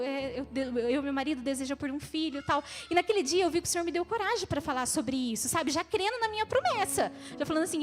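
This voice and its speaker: A woman's voice: sits high, in a large hall. Earnest Brazilian woman giving church testimony. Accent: Brazilian Portuguese. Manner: emotional, earnest, addresses the congregation. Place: church hall.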